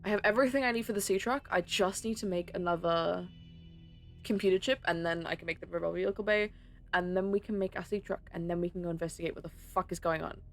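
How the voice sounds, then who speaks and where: Gravelly-voiced woman streamer muttering while playing. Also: lowish voice, fairly even intonation, fast, faint music behind. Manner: talks to herself, frustrated, swears a lot. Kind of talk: casual gaming commentary.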